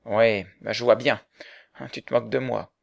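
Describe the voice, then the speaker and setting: Guy doing a jealous young lover, gravelly, pleading, fretting, audiobook. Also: medium pitch, little pitch movement, normal speed. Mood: anxious. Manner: fretful, pleading. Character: anxious jealous young man in love. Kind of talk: dramatized audiobook reading.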